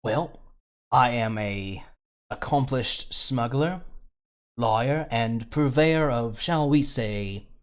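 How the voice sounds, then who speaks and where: A man voicing a smooth-talking, crude male smuggler with a put-on accent and a sly, salesman-like manner. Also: medium pitch, slow, lightly acted.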